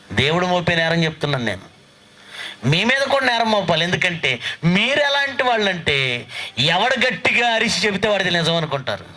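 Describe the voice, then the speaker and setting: A man preaching a sermon in a church. He scolds the congregation with rapid rhetorical questions and reads scripture slowly and deliberately. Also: on the high side, pushed and bright, low-quality recording.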